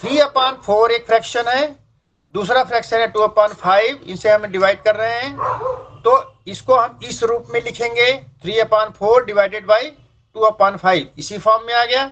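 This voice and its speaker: A man's voice: high voice, fairly even intonation, measured pace, a bit bright. A man teaching fractions in a classroom lecture, explaining step by step and repeating key points. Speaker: math teacher. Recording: dull lo-fi sound.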